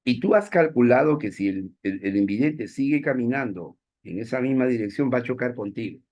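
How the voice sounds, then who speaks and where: A male teacher lectures his class in a playful, self-mocking way. His voice sits at an ordinary middle pitch, and he keeps stopping to check that the students are following. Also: animated, brisk, a little mellow.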